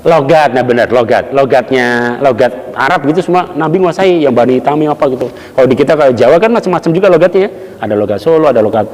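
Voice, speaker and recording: A man giving a relaxed mosque study sermon, telling stories and acting out the people he quotes. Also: mid-range voice, quick pace. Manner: casual storytelling, acts out quotes, chuckles. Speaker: preacher. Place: mosque hall. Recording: long hall reverb.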